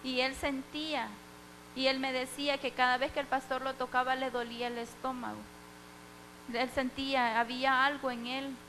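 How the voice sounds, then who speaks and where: Woman, high pitch, heartfelt testimony, storytelling. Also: flat delivery, normal speed, pushed and bright, slight background noise, rough recording. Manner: heartfelt storytelling, acting out the dialogue. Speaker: church member giving testimony. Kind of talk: church testimony.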